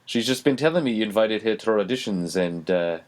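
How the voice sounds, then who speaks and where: A man's voice: lowish voice, lively intonation, a little fast, natural voice. A man voicing a confident, genial man who speaks breezily.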